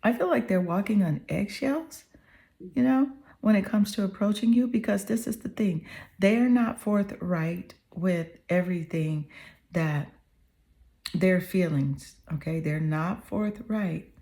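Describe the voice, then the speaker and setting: A tarot reader with a slightly hoarse, warm, medium-pitched voice speaks a little slowly as she gives the viewer an earnest, affirming reading. She keeps checking in with "okay?" and "you know."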